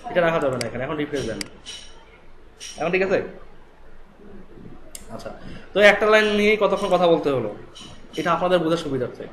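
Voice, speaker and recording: A man with a Bangladeshi Bengali accent leads a live coding lesson, rattling through explanations at a quick clip and pausing to ask if everyone follows. His voice sits a little high. The room echoes around him and a faint hum of ambience stays in the background. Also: animated, fairly bright tone. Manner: rapid, explanatory, asks students checking questions. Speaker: web development instructor.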